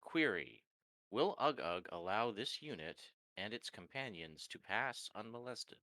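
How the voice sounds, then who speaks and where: A man's voice: fairly low pitch, very animated, unhurried, bright, forceful tone, dry recording, exaggerated voice, low-quality recording. A man voicing a terse warforged construct on a mission, speaking in clipped robotic phrases and announcing each statement with labels like query and analysis. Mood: flat. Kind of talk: tabletop role-play.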